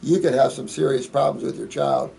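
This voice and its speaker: A man's voice: mid-range voice, steady tone, fairly quick, vocal fry, warm tone. A man hosting a question-and-answer show, giving folksy, rambling, preachy advice as he reads out and answers viewer questions. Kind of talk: casual monologue answering read-out questions.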